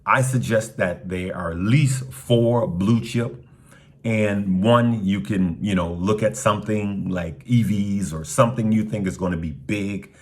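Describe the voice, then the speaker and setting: Husky, low-voiced man hosting a market update. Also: unhurried. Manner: relaxed, conversational, many ums and uhs. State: morning voice. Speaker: stock market channel host. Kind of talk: casual market update to viewers.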